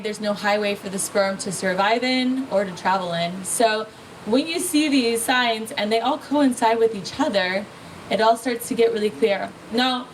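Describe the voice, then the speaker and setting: A woman teaching natural birth control at a festival workshop, talking casually with lots of "like" and questions she answers herself. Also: on the high side. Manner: casual, chatty, frequent "like" and rhetorical questions. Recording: distant mic with faint ambient noise.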